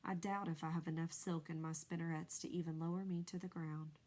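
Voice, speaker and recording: Wise, gentle lady spider read by a woman, soft and measured, storybook. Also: low voice, flat delivery, natural voice. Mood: calm. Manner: quiet, measured and soothing. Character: wise, gentle female spider, calm and dying.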